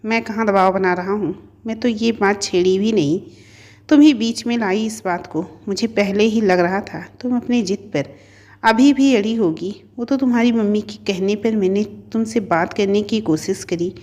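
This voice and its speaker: Woman narrator plays hurt young husband in a storybook; defensive, reproachful, average pitch. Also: normal speed, darkish tone, lightly acted.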